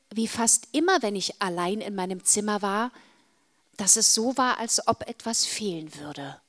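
A woman narrating a children's adventure story in the first person, pausing dramatically and often dropping to a whisper. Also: mid-range voice, a bit bright.

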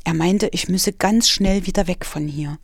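A woman's voice: fairly low pitch, normal speed, creaky, no echo. Woman reading her story aloud, dry close sound. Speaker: author.

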